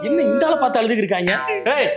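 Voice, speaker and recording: A man's voice: very high-pitched, expressive, racing, reverberant, over loud music. A man in a comedy sketch, teasing and lecturing weepy classmates in a mocking tone.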